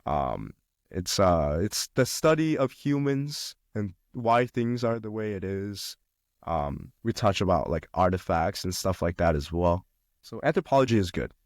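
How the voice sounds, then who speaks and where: A young adult man from China, a podcast guest, talks casually about college, peppering his speech with fillers and restarts. His voice sits low with big pitch swings and a slightly slow pace, in a studio-quality recording without echo.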